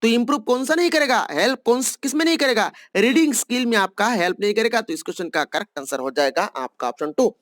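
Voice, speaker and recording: A woman teacher in an exam-prep lecture, patiently walking through each answer option and reading questions out slowly before explaining them. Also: on the high side, expressive, dry recording, clean studio sound.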